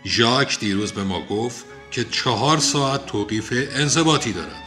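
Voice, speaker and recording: A man's voice: medium pitch, lively intonation, music in the background, lightly acted. A man reading aloud voices a stern, imperious middle-aged father who speaks in a clipped, severe way. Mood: tense.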